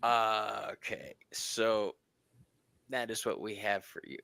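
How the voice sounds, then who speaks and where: A man's voice: on the low side, fairly even intonation, takes it slowly, vocal fry, sharp tone, no room sound. A man hosting a casual tarot reading stream, bantering in a giggly, self-mocking way. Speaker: tarot reader and stream host.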